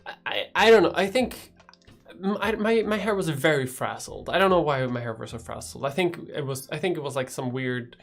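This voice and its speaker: This woman's voice is low-pitched, gravelly, and animated, and she speaks fairly quickly. A Swedish YouTuber in her thirties, she hosts a livestream where she reads chat questions, rambling with casual swearing, laughs, and many restarts.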